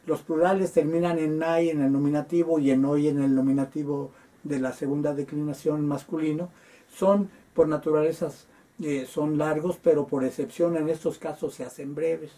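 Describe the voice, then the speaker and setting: A man lecturing on Greek grammar, patiently spelling out word forms with frequent hesitant pauses. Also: a little high, steady tone, dark tone. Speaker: Greek teacher.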